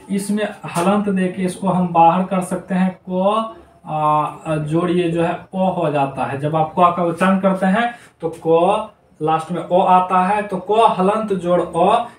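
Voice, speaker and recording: A Hindi grammar teacher with a high voice gives a classroom lesson to children, drilling each term aloud over and over so it sticks. The mic is distant, the noisy room rings with echo, and faint noise sits behind him.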